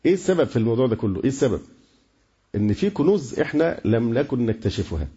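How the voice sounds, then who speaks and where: An Egyptian-accented man delivers a religious lecture at a brisk clip, his voice dark and a little husky. He drifts into casual speech and keeps stalling on repeated syllables while he reaches for words. The recording sounds dull and lo-fi. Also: lowish voice. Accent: Egyptian Arabic. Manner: colloquial, many repeated hesitations. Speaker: preacher.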